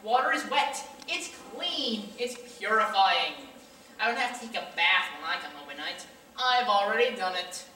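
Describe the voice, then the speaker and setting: A woman's voice: medium pitch, expressive, moderate pace, sharp tone, a little hiss or hum. A woman playing a pushy male con man. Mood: huffy. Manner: pushy, wheedling salesman patter. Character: brash male con man who stages fake drownings. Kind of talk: high school stage play. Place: school auditorium stage. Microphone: far camera. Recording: echoey hall from far off.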